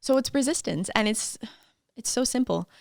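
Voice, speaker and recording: Animated woman telling stories. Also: on the high side, moderate pace, creaky, no echo, studio quality. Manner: lively storytelling, acts out quoted voices, laughs often. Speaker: podcast guest. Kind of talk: casual interview chat.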